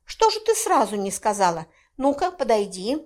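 A man's voice: sits high, huge pitch swings, normal speed. A woman voicing a hissing cold inquisitor. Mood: commanding. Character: menacing male witch-hunter inquisitor.

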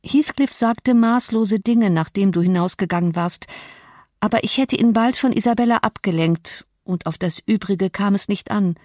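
A woman's voice: medium pitch, normal speed, darkish tone, no echo, clean studio sound, lightly acted. A woman voicing a proud, volatile young woman who speaks in a cutting, imperious way in an audiobook. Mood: agitated. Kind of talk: audiobook character reading.

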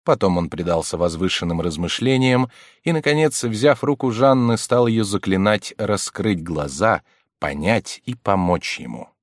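A man narrating a classic novel in a measured, expressive storytelling manner. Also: lowish voice, no room sound, studio quality. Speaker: audiobook reader. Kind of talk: scripted literary narration.

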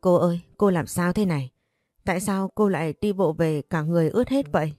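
A woman voicing a devoted young maid in an audio story, speaking anxiously and gently. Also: on the low side, brisk, dry recording, studio quality, faint music behind, lightly acted. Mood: worried. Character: loyal young female maid, worried and devoted.

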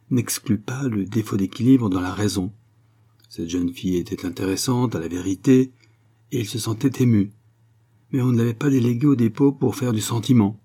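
A man reading a classic novel aloud, his voice low and mellow with a slight husk. The delivery is measured and steady, in the manner of literary audiobook narration. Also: husky.

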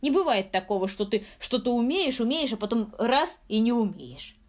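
A woman reading a storybook, voicing an excitable, playful male lightning spirit who chatters eagerly. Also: a little high, moderate pace. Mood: excited.

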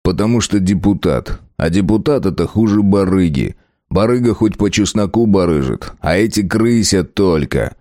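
A man's voice: low-pitched, lively intonation, moderate pace, mellow, dry recording, clean studio sound. A man voicing a blunt, sullen male ex-convict who talks in prison slang. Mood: gruff.

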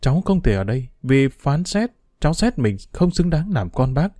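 A remorseful young woman weighed down by shame, as a male narrator reads her, in a spoken storybook. The tone is dark and mellow and the pitch rises and falls widely. The sound is close and dry. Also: very animated, moderate pace, dry recording, natural voice. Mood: ashamed.

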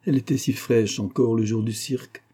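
A distraught older mother in a storybook reading, stubborn in her grief and pleading insistently, as a man reads her in a dark, husky voice. Her lines come raised above the narration. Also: medium pitch, steady tone, a little fast, natural voice.

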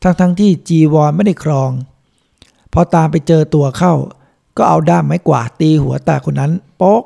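Male monk reader, calm measured audiobook narration, gravelly and mellow, a bit high. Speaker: monk reading a book aloud. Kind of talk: audiobook reading.

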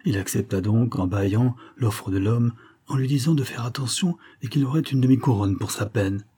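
A man reading a novel aloud as an audiobook narrator, in a steady, dramatic delivery. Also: medium pitch, normal speed, breathy edge. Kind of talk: scripted narration.

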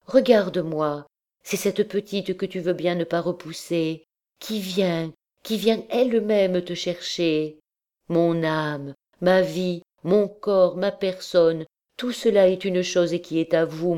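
A woman's voice: deep voice, warm tone. A woman voicing a young, desperate dancer girl who pleads passionately with the man she loves.

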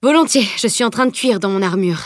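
Brief: woman narrator voicing a hulking jovial knight, booming and teasing, dry close audiobook sound. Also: lively intonation, quick pace, dry recording, natural voice. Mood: gruff teasing. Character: huge jovial male knight, gruff and teasing.

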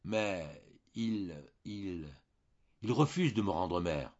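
A young wife pleads softly and hesitantly, read by a man. The voice is husky and low, on a dull lo-fi recording. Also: sing-song, slow pace, heavily acted. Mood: pleading.

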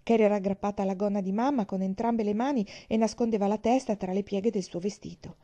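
A woman reads a children's story aloud in a gentle, measured way. Her tone is mellow and warm, and her pitch sits in an ordinary middle range. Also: steady tone, highs cut off. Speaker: audiobook reader.

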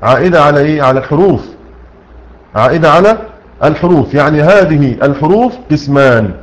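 The audio is poor, but the teacher comes through: a man with an Egyptian Arabic accent and a higher voice full of lively intonation. Taking a poem line by line, he covers Quran recitation rules, asking and answering his own questions, repeating key words, and reciting slowly.

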